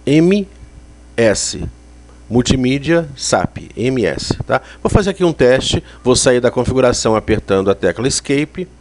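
A man with a Brazilian accent giving a spoken software tutorial in a conversational, explanatory way. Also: medium pitch, very animated, measured pace, slight background noise. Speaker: software instructor.

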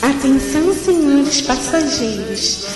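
Woman's slow airline intercom announcement, echoing. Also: sits high, expressive. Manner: formal, slow announcer delivery. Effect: flight attendant announcing over an aircraft intercom. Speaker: announcer in a radio show jingle. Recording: echoey hall-like sound with music behind.

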